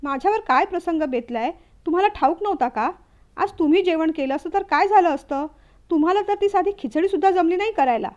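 Tired young wife who snaps back, read by a woman narrator; high voice, dull recording. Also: a little fast, darkish tone, lightly acted. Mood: angry. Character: worn-down young wife, pushed to anger.

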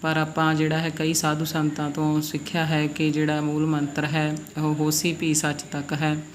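A Gurbani pronunciation teacher giving a slow recitation lesson, respectfully drawing out each syllable and repeating words for practice. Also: mid-range voice, monotone, a little hiss or hum. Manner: respectful, addresses the congregation as "ji".

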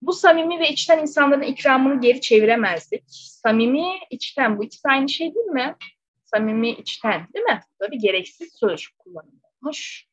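In an exam question walkthrough, a woman teacher talks a little fast in an animated, slightly rough voice that sits high. She works through the questions step by step, checking often with rhetorical questions, and the slightly dull close recording is dry with no echo.

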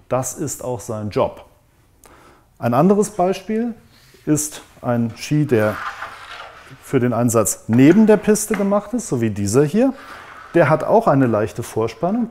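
A man in his forties calmly and methodically explaining ski design in a workshop tutorial. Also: mid-range voice. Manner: calm, methodical, demonstrates with hands. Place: indoor wood workshop.

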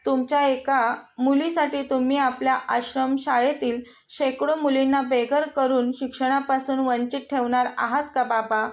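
A spirited young daughter who stands up to a bully and pleads with her father, voiced by a woman reading a story aloud. Her lines are high-pitched, and she sounds both earnest and defiant. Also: level tone, normal speed, close to an everyday voice. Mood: pleading.

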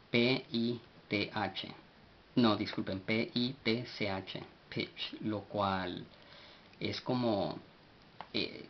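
A man giving a vocabulary lesson, spelling words out letter by letter and pausing often with fillers. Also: fairly low pitch. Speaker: language teacher. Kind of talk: slow spoken vocabulary lesson. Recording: dull lo-fi recording with faint hiss.

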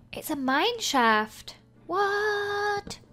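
A woman's voice: high voice, expressive, normal speed, fairly bright tone. A woman hosting a gaming video with casual commentary, thinking aloud in a chirpy, exclamatory way into a close microphone.

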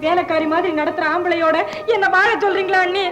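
A pleading, repentant young wife. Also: female voice, very high-pitched, steady tone, fast talker, muffled recording, over music. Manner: emotional, pleading. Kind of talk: 1950s Tamil film acting.

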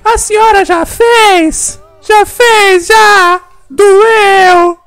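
Comic bit: a man putting on a slurring, sobbing teen girl, pitched way up and dragged slow. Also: steady tone, fairly bright tone, soft background music, exaggerated voice. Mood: wailing, drugged. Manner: slurred, drawn-out wailing. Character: sedated teenage girl, whiny, crying.

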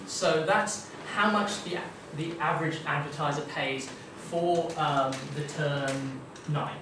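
The voice is fairly high in pitch, fairly even in intonation, and slow. It belongs to a young Australian man giving a casual, chatty tech talk full of ums and kind-ofs as guest speaker at a marketing meetup. Captured by a far room camera in a dim meeting room with a projector screen, the recording is echoey, distant, and noisy.

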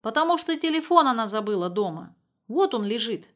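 A woman's voice: on the high side, sing-song, brisk, a bit bright, voice pushed up. A woman voicing a practical grown daughter who talks in a level, matter-of-fact way.

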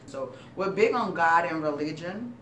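A woman's voice: on the low side, lively intonation, normal speed, fairly bright tone, reverberant, far from the mic, slight background noise. A young woman from Sierra Leone chatting casually to her viewers as a vlogger, laughing often and filling her talk with fillers. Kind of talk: casual chat.

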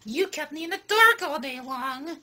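A man voicing a cheeky boy ventriloquist dummy with a squeaky voice, taunting and insinuating in a comedy act. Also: expressive, normal speed, sharp tone, full character voice. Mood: indignant.

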